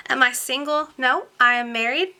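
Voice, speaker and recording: A young woman talks straight to the camera in a relaxed Q&A vlog. Her voice is very bright and sits a little high. She rambles, filling her chatty answers with ums and likes. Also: normal speed. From born in Romania, raised in Tennessee. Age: 20s. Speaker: beauty vlogger. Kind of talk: casual Q&A chat to camera.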